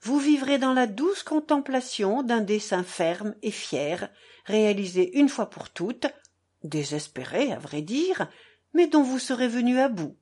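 A woman's voice: fairly high pitch, lively intonation, unhurried, darkish tone, breathy edge. Woman reading a bitterly ironic young man.

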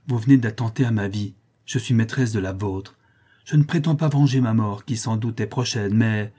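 A gravely wounded marquise speaks in a faint, broken whisper, devoted to the end, as a male reader puts her on. The voice stays dark and husky. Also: lowish voice, normal speed. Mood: defiant. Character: dying noblewoman, wounded marquise, fierce and devoted.

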